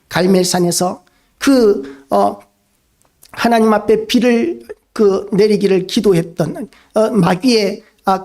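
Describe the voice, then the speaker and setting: A man preaching a sermon as a pastor, earnest and steady, posing rhetorical questions to the congregation. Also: sits high.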